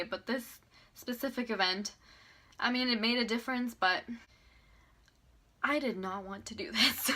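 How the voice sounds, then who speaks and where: A woman in her twenties from Venezuela, telling a chatty, animated storytime on her vlog and laughing often. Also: medium pitch. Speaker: beauty vlogger.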